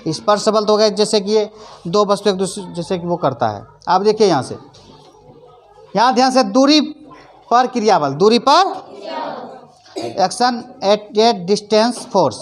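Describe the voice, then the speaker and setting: A woman's voice: medium pitch, expressive, measured pace, pauses often. A woman teacher explaining a lesson in plain, repetitive phrases, often checking that her pupils understand. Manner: leads call-and-response recitation. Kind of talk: classroom lesson. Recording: faint background noise.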